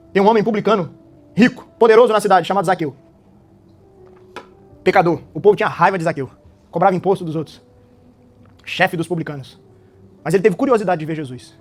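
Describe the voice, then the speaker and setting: A man, preaching an animated, dramatic sermon and often tossing out little tag questions. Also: high voice, fast talker, long pauses, faint music behind.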